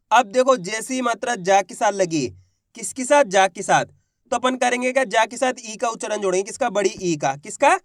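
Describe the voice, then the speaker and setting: A patient man leads a beginners' reading lesson, asking a question and then answering it himself. He sounds out each syllable slowly and draws the long vowels out. His voice is close and dry, with no room sound. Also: very high-pitched, no echo. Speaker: Hindi teacher.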